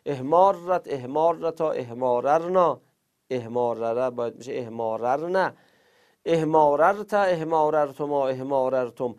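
A man's voice: medium pitch, a little mellow. A man teaching Arabic grammar in Persian, rattling off verb conjugation lists in a falling sing-song and stopping now and then to explain to students. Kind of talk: recorded class lesson, rapid verb conjugation drills.

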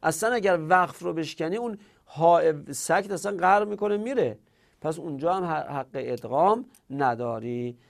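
A man's voice: fairly high pitch, animated, vocal fry. Man explaining grammar in a lecture. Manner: explanatory, asks questions and answers them himself; repeats words slowly to demonstrate pronunciation. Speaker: teacher of Quranic recitation and Arabic grammar. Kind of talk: classroom lecture.

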